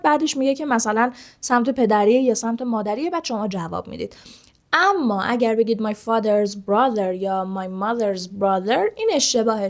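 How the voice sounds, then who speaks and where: A woman with a slightly high voice leads an online English lesson. She speaks at a lively pace, poses rhetorical questions to the viewers, then slows right down to say each example sentence with care. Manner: says English example sentences slowly and carefully. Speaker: English teacher.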